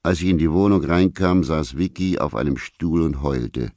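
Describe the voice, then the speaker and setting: Gruff male storyteller with a very deep voice, laconic and unhurried, dry close sound. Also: a little mellow, no room sound. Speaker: audiobook narrator. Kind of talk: first-person literary narration.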